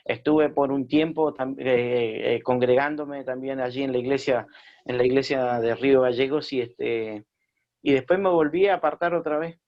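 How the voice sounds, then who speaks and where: Chilean-born male pastor, halting testimony, middle pitch, dull lo-fi sound. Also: steady tone. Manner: hesitant, many fillers and restarts. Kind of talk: radio interview, personal testimony.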